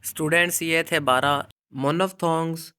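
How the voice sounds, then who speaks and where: A middle-aged man teaching students, speaking deliberately, addressing them directly and drilling example words one at a time. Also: fairly high pitch, fairly even intonation, pushed and bright, clear, resonant tone. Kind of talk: explaining phonetics to students.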